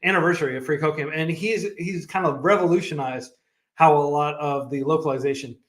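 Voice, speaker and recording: A coding nonprofit's founder joins a livestream as a guest, speaking a little fast in a fairly bright, high-side voice. His talk is informal and chatty, packed with fillers and restarts and punctuated by frequent laughs, in an echoey room.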